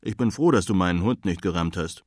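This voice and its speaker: A man voicing a cheerful, eccentric old Man in the Moon who calls out loudly and excitedly. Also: sits low, a little fast, slightly rough, dry recording, studio quality. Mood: chatty.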